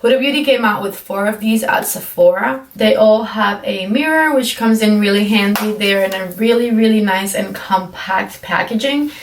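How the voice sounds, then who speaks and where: A woman's voice: mid-range voice, normal speed, hardly any pauses, recorded from a distance, slight background noise. A young woman talks through her makeup in a chatty, rambling way, her voice still groggy from sleep. She sits back from the mic in a room that rings with echo. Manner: chatty, apologetic, filler-heavy. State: groggy, just woke up. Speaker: beauty vlogger. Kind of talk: casual makeup tutorial.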